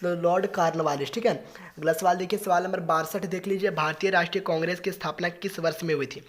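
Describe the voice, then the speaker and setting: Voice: medium pitch, steady tone, fast, a little hiss or hum. An exam-prep teacher runs through revision questions one after another. Each answer is followed by a repeated "okay, next question".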